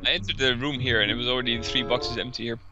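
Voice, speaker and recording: A man's voice: medium pitch, fairly even intonation, fast talker, muffled recording, music in the background. A man laughing and rambling through casual banter in gaming voice chat. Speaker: gamer.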